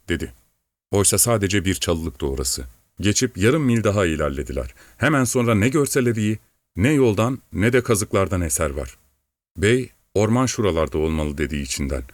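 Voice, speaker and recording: A man calmly reading a story aloud in measured, steady audiobook narration. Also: sits low, no room sound.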